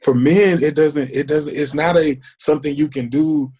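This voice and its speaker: A man's voice: fairly high pitch, fairly even intonation, moderate pace, dark tone, husky. Earnest man in his forties. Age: 40s. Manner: earnest, emphatic, repeats questions for emphasis. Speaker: podcast guest. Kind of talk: casual conversation.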